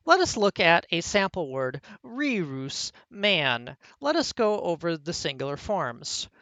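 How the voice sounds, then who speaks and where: Deadpan mock-serious lecturer, lively pitch. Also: unhurried, no echo. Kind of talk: scripted parody lecture.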